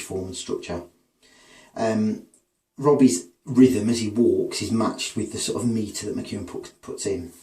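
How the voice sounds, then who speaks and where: A man's voice: lowish voice, darkish tone. A male English teacher explaining a novel passage by passage, reading quotes aloud and adding tag questions to check understanding. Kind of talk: literature analysis lesson. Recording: echoey room, voice from a distance.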